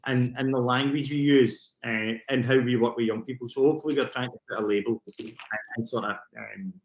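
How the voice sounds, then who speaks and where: This Scottish man from Glasgow, a youth work programme director, presents to a conference from a remote location over a video call. His medium-pitched voice is muffled and roomy in the recording, and he rushes along excitably with many fillers and restarts.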